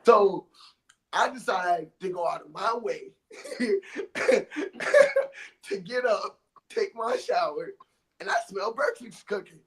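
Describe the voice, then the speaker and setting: A young man co-hosting a podcast, telling a story in a casual, animated way with slang and bursts of laughter. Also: sits high, slow, long pauses, rough recording. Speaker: podcast co-host.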